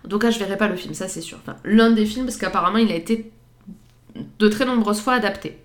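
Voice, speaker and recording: A woman with a medium-pitched voice and quick pace co-hosts a podcast, chatting casually through pop-culture references. She uses frequent fillers and laughs easily.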